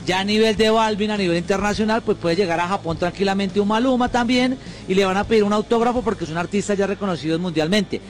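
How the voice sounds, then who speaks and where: High-voiced energetic Colombian radio host man. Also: fast, few pauses, soft background music. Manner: energetic, chatty and joking. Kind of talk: morning radio banter.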